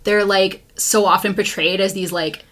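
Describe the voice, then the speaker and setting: A woman's voice: mid-range voice, fairly even intonation, moderate pace, fairly bright tone, a little hiss or hum. Flippant Californian woman co-host. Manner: flippant, profane, filler-heavy "like" talk. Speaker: podcast co-host. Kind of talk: casual chat.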